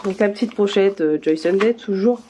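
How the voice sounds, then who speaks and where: A woman's voice: mid-range voice, moderate pace, dark tone, a little hiss or hum. A woman vlogger chatting casually through a craft unboxing, full of fillers and restarts.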